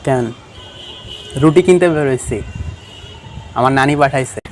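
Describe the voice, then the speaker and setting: A man's voice: mid-range voice, moderate pace, soft background music, natural voice, poor audio. A young man playing a fumbling fellow who hesitantly makes up excuses. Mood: evasive.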